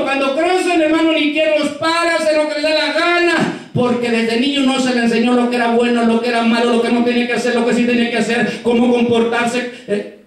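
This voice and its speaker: A male pastor preaching a fervent sermon, calling out to the congregation again and again. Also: very high-pitched. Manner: fervent, repeatedly calling out "hermano". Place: church. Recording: echoey church from far off.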